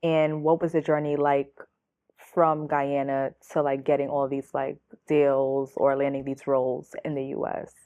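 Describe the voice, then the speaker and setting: Low-voiced woman host, encouraging. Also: little pitch movement, unhurried, mellow. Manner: encouraging, frequent affirming murmurs. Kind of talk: casual interview chat.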